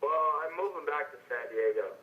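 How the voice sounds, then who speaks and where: A man's voice: medium pitch, animated, brisk. A man on the other end of a sales call, heard over a speakerphone, hesitant and stammering. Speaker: homeowner taking a sales call. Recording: dull phone line on speakerphone.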